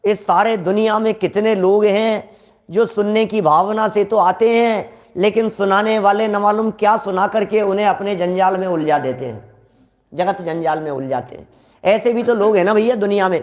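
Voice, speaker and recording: A man with a notably high voice delivers a scripture sermon in an animated, conversational way. He speaks directly to his listeners and repeats key lines for emphasis. Now and then he acts out everyday exchanges to make his point. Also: normal speed. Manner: animated, acts out quoted dialogue from daily life. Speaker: Jain scripture lecturer.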